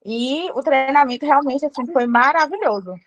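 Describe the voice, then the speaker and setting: Woman student, warm rambling testimony over a video call, fairly high pitch. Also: normal speed, dull audio. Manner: warm, rambling, many fillers.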